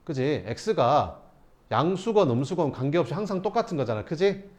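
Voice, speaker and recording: A man's voice: a little high, sing-song, normal speed, a little mellow. A man teaching math to students, asking rhetorical questions and answering them himself. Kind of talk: lecturing students through problems.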